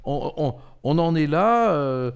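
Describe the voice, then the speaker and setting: A man's voice: fairly high pitch, lively intonation, slow, vocal fry, clean tone. An older man hosting a political talk show, speaking emphatically with many fillers and restarts. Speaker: host, political commentator.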